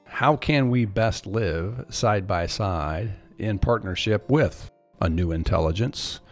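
Lowish-voiced man in podcast conversation, music behind. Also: slow pace. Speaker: podcast co-host.

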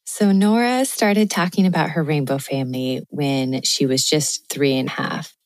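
A woman hosting a podcast, calmly narrating a listener's story in a measured, scripted way. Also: low-pitched, dry recording. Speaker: podcast host.

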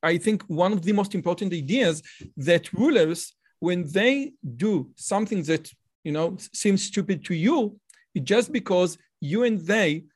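A man's voice: sits high, animated, measured pace. A man with an Israeli accent hosting an interview, posing questions chattily and laughing between points. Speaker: podcast host.

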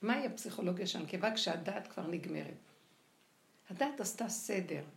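Gravelly-voiced older woman teaching. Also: on the low side. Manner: animated, acts out quoted voices. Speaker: religious teacher. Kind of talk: lively spoken Torah lecture. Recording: echoey room with faint noise.

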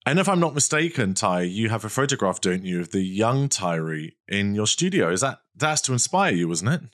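A man's voice: lowish voice, sing-song, a little fast, fairly bright tone. A man hosting an interview, asking chatty, leading questions in a casual way. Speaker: interview host.

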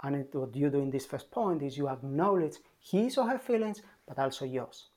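Calm parenting coach who keeps asking "yeah?". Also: mid-range voice, moderate pace. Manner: calm and emphatic, checks in with a frequent "yeah?"; repeats key points for emphasis. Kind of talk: advice talk to parents.

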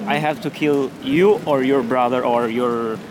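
A man with an Albanian accent gives informal interview answers in halting, non-native English. His pitch is average and he speaks in short phrases. The recording was made live outdoors, with loud traffic and street noise all around him. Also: steady tone. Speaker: local interviewee. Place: outdoors on a busy city street. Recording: live on noisy busy street.

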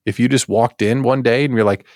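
With a medium-pitched, slightly mellow voice and a steady tone, an American man talks fairly quickly as he hosts a casual daily live show for small business owners. He plays to his audience, repeating words for comic emphasis. The sound is studio quality, without echo.

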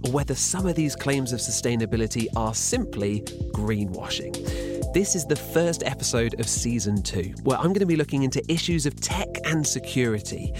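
British male science presenter, scripted investigative narration, inquisitive delivery, animated pitch, music bed underneath. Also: moderate pace. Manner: inquisitive, emphatic, rhetorical questioning. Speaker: science presenter and podcast host.

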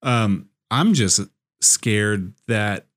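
A man speaking as a podcast guest in casual sports chat, often pausing mid-sentence. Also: fairly low pitch, animated, a bit bright.

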